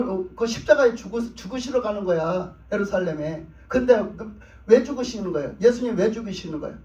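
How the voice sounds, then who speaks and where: A high-pitched male pastor preaches, often asking his congregation questions and answering them himself. He is recorded from a distance in a roomy church, and the sound is somewhat dull. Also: darkish tone. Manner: plain conversational speech with repeated phrases. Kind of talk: sermon. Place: church sanctuary.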